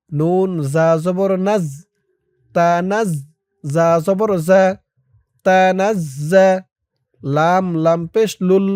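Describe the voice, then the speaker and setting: Recitation teacher, male, Bangladeshi Bengali accent, smooth resonant voice, drawn-out patient spelling. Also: high voice, a little mellow, no room sound, studio quality. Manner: slow, spells each syllable, then chants the words drawn out. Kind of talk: letter-by-letter Quran reading lesson.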